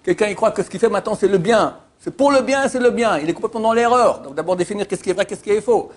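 Fast and high-pitched, this man teaches an informal Torah lesson built around anecdotes. He's an animated storyteller who leans on emphatic repetitions. Many hesitations punctuate his speech, especially the filler "euh."

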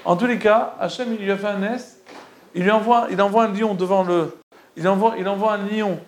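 A man casually retelling religious stories to listeners, halting and repeating words as he goes, often checking that they follow. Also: high voice, fairly even intonation, slight background noise. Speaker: storyteller.

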